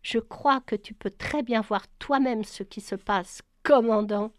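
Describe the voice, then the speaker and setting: A woman's voice: on the high side, a little slow, no echo, clean studio sound, close to an everyday voice. Woman reading Paola, a fiery bitter crew woman. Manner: biting, bitter.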